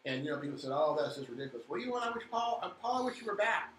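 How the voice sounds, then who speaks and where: A man co-hosting a local civic live stream, talking fast and heatedly, repeating words and turning sarcastic. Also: extremely high pitch, sing-song, pushed and bright. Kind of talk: impassioned casual talk. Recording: echoey room with faint background noise.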